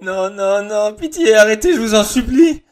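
A man's voice: high-pitched, lively intonation, moderate pace, voice pushed up. A man voicing a sick, terrified man who begs for mercy, his pleas climbing into panicked screams. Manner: pleading, rising to panicked screams.

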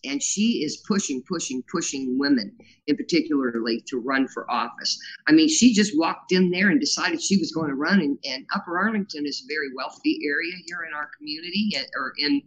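In this casual interview, the grassroots organizer sounds animated, with a low voice at a normal speed. She is earnest and powerful but rambling, full of fillers, and the recording is rough.

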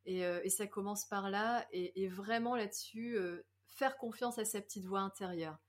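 A woman who teaches yoga talks as a guest on a podcast. She is reflective and hesitant, and she laughs easily. Her voice sits at a middle pitch. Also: moderate pace. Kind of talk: podcast interview.

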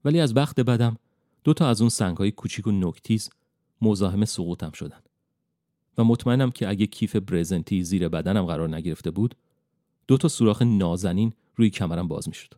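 Deep, mellow male storyteller. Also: no echo, clean studio sound. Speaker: audiobook narrator. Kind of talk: scripted first-person storybook narration.

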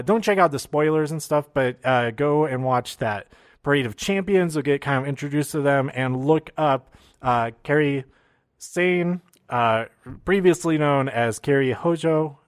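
A man casually recapping wrestling shows, excitable and rambling, with many fillers and restarts. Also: fairly high pitch, measured pace, no room sound, studio quality.

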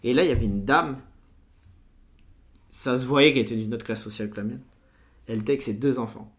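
Fast-talking man with suburb street slang. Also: mid-range voice. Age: 30s. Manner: animated retelling with quoted dialogue. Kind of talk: casual anecdotal storytelling.

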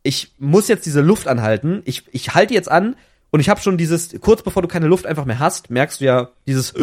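Young male podcast co-host, slang-heavy storyteller, slightly high voice, lots of self-corrections. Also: expressive, normal speed. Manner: slangy, restless retelling with many restarts. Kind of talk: casual chat, storytelling.

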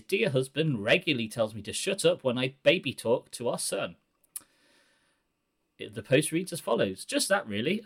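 A man hosting a podcast, reading forum posts aloud in a measured, earnest way. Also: medium pitch, a bit bright. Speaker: podcast host.

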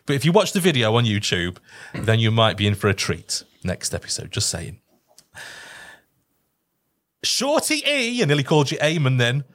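A man's voice: medium pitch, wildly swooping pitch, moderate pace, long pauses, fairly bright tone. A British man hosting a podcast with casual, teasing banter. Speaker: podcast host.

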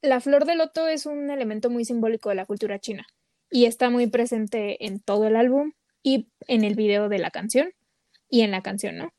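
High-voiced chatty woman, mellow and dry. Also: moderate pace, no room sound. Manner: chatty, many fillers. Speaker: podcast co-host. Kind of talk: casual chat.

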